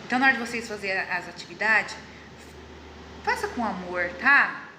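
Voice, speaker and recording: A woman's voice: mid-range voice, normal speed, noisy background. A middle-aged Brazilian woman teaching a class to children, encouraging them and asking and answering her own questions. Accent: Brazilian Portuguese.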